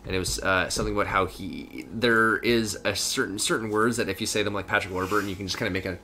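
A man's voice: on the low side, steady tone, fast talker, pushed and bright, slight background noise. A young man casually joking and riffing while commenting on gameplay with a friend. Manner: jokey, riffing banter. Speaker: let's play co-host.

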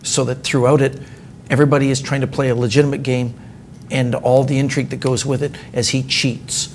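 A man in his forties, a magician guest in a dark TV studio, talking animatedly and acting out little scenes with a chuckle, on a lapel mic. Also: mid-range voice, fairly quick, a little hiss or hum. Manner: animated storyteller, acts out quoted lines, chuckles often. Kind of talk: casual studio discussion.

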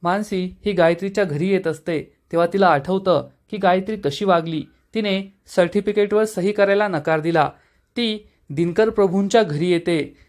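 High-voiced man recapping a serial. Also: normal speed. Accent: Marathi. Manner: steady storytelling, reading quoted dialogue in the same voice. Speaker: serial episode reviewer. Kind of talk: scripted recap narration.

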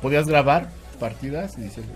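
A Mexican man hosting a casual podcast, telling stories in an animated way, laughing often and swearing freely. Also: medium pitch, normal speed, soft background music. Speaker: podcast host. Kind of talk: casual storytelling chat.

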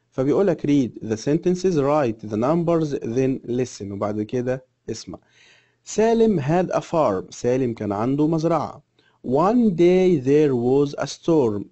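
A man with an Egyptian Arabic accent teaching an English lesson. He reads English sentences slowly and deliberately, then explains them quickly in Arabic. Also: medium pitch, dark tone, muffled recording.

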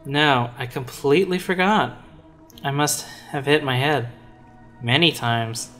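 A man's voice: mid-range voice, a little slow, pushed and bright. A man reading a sarcastic grumpy witch. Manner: dry and sarcastic. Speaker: game dialogue reader. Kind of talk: reading game dialogue aloud. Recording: faint game music behind.

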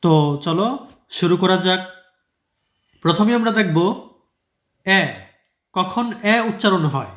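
A man's voice: sits high, slow pace, pauses often, fairly bright tone, echoey room. A man teaching English pronunciation in a patient, step-by-step way, spelling out each example word letter by letter and repeating it. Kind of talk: step-by-step classroom explanation.

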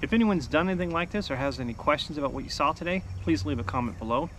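A man's voice: a little high, lively intonation, fast talker, a bit bright, slight background noise. Upbeat man explaining his off-grid setup. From United States. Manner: upbeat, chatty, explains gear step by step. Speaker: off-grid homestead vlogger. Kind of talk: casual how-to vlog. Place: outdoors by a house wall in a backyard.

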